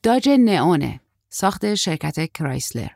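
A woman's voice: low-pitched, very animated, vocal fry, a little mellow, dry recording, full character voice. A woman voicing a brusque, terse middle-aged woman who talks in a dry, impatient way.

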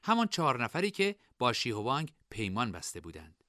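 Expressive male audiobook narrator. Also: medium pitch, dry recording, clean studio sound. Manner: expressive, varied storytelling delivery. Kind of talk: scripted narration.

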